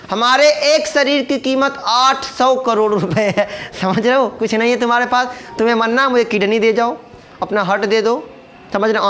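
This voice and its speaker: A man's voice: extremely high pitch, a bit bright. Chatty teacher man. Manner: chatty, asks rhetorical questions, jokes. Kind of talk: informal classroom lecture.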